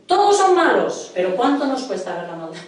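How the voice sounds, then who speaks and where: A woman's voice: a little high, sing-song, brisk, distant mic. A middle-aged woman from preaching a sermon in a church hall, earnestly questioning her congregation. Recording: echoey hall, voice from afar.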